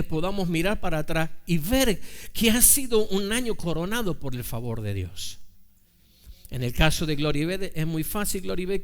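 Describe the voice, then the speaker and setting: A pastor with a fairly high-pitched voice preaches to his congregation conversationally. He poses rhetorical questions and slows down to stress quotes from scripture.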